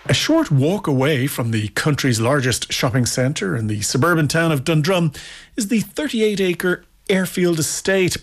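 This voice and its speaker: A man's voice: fairly high pitch, expressive, measured pace. Man presenting a radio magazine show.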